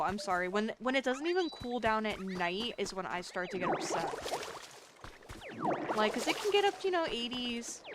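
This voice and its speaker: A woman's voice: mid-range voice, heavy background noise. A woman streamer chatting casually and profanely with her viewers, laughing often. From South Florida. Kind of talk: casual livestream chat with viewers. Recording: loud background music. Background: loud music.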